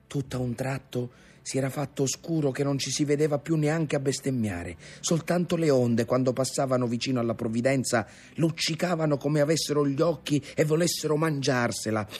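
A man narrating a novel in an expressive dramatic reading. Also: mid-range voice, slightly rough. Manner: expressive storytelling.

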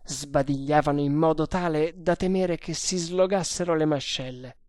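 A woman narrating an adventure novel aloud in a measured, deliberate way. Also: low-pitched, a little mellow, dry recording, clean studio sound. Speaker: audiobook narrator.

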